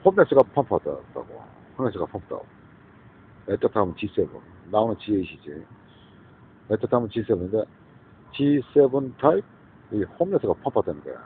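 A man's voice: lowish voice, sing-song, normal speed, long pauses. A man from the region, rambling in a monologue outdoors on a street, often asking "eh?" and slipping in English phrases. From Gyeongsang region, South Korea. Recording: tinny phone-like sound with faint street noise.

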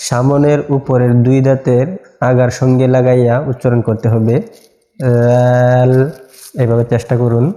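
A man teaching Quran letter pronunciation as a lesson, repeating each letter slowly and drawn out. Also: mid-range voice, little pitch movement, warm tone, echoey room. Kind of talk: slow recitation lesson.

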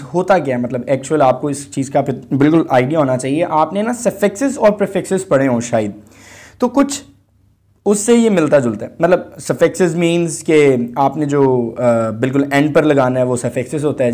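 A man teaching an English lesson, explaining in Urdu and reading the English words out slowly with drawn-out emphasis. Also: on the high side, expressive, darkish tone. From Pakistan. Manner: slow and deliberate, mixing Urdu with English. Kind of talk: recorded classroom lesson.

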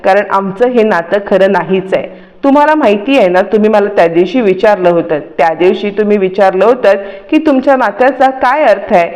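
A woman's voice: medium pitch, brisk, darkish tone, dull audio, lightly acted. A woman voicing a resolved young wife who explains herself earnestly in a soap recap.

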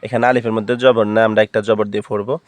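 A man's voice: on the low side, little pitch movement, rapid-fire, no room sound. A man teaching Quran reading, spelling out letters and vowel marks syllable by syllable, then chanting the joined words.

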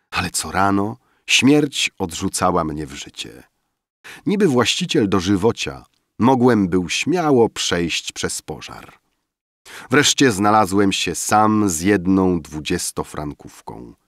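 A man reading a classic novel aloud as an audiobook narrator, measured and expressive. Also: low-pitched, dry recording, studio quality. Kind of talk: scripted narration.

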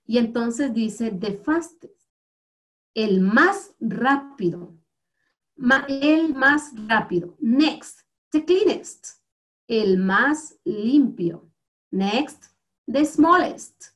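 A woman teaching English grammar to schoolchildren in Guatemalan Spanish, slow and patient, repeating words for the class to copy. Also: sits high.

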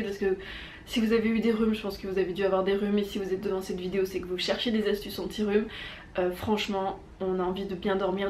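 A woman's voice: medium pitch, a little mellow. Chatty woman vlogger, echoey room. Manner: chatty, hesitant, with many fillers and restarts. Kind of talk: casual home-remedy tutorial. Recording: echoey room with faint background hum.

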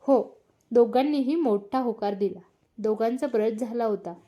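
A woman narrating a romance story in a calm, even reading voice. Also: a little high, normal speed, muffled recording.

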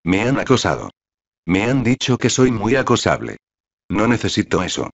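This is an impulsive, chatty young woman, read by a man in his own low voice. The lines come out flat and even, like a screenplay read aloud. The sound is dull and lo-fi. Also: normal speed, husky, full character voice.

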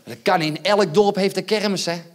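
High-voiced stand-up comedian, mocking. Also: male voice, steady tone, moderate pace, very noisy. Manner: loud, mocking, goading the audience with rhetorical asides. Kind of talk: live stand-up performance. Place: theatre stage.

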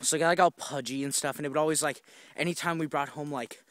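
A young male vlogger walks a wooded trail, telling a rambling, profane story into the handheld phone camera he's carrying, full of fillers and restarts. His voice is fairly high and a bit bright, with fairly even intonation and a quick pace. There's no room sound.

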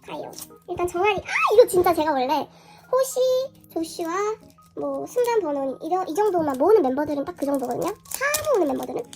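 A woman unboxing an album in a casual vlog, her hoarse voice run through a pitch-raising voice changer, gushing and squealing often. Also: big pitch swings, fairly quick, over loud music. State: hoarse from illness. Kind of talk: casual excited unboxing chat.

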